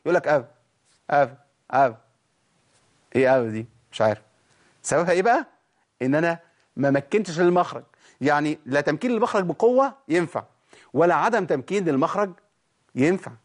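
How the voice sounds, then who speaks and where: An Egyptian man teaches Quran recitation at a brisk clip. His voice sits a little high for a man. He explains with lively energy and keeps demonstrating the sounds he is describing. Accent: Egyptian Arabic. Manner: animated, demonstrating sounds with repeated examples. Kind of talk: tajweed lesson.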